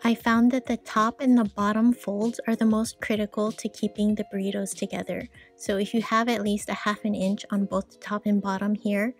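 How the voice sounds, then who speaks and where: A woman giving calm, matter-of-fact voice-over instructions for a home cooking video, explaining each step plainly. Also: medium pitch, normal speed, hardly any pauses, soft background music. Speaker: frugal cooking vlogger.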